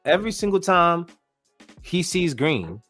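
A man co-hosting a casual basketball podcast, animated and slangy, laughing often. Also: sits high, unhurried, faint music behind. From New York area. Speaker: podcast co-host. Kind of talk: casual sports chat.

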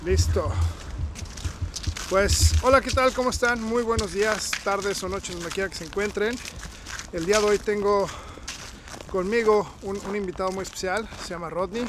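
High-voiced chatty man walking in snow. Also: moderate pace, pauses often. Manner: chatty, frequent fillers and restarts. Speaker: podcast host. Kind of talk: casual interview chat. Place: outdoors walking in snow in winter. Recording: outdoor recording with crunching snow noise.

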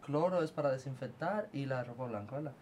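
A man's voice: mid-range voice, animated, brisk, a little mellow, a little hiss or hum. A man chatting casually and telling stories animatedly. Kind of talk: casual chat.

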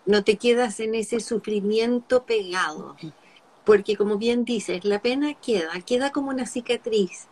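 A woman's voice: fairly high pitch, unhurried, darkish tone. Empathetic woman interviewer. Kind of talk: interview conversation.

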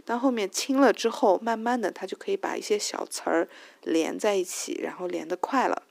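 A native Chinese speaker with a Chinese accent hosts a casual spoken English lesson on a language tips show, thinking aloud with many fillers and restarts and singing out stressed syllables to show rhythm. Her medium-pitched voice is creaky, she speaks briskly, and there is no echo.

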